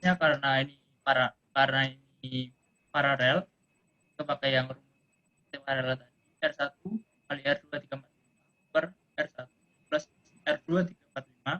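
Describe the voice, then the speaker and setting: A man's voice: mid-range voice, fairly even intonation, moderate pace, pauses often, pushed and bright, dull audio. A man, a student, working through circuit calculations aloud in an online class, hesitating and correcting himself, his voice choppy and faint as the call audio breaks up. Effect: choppy, faint audio breaking up over an online call. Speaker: student presenting homework.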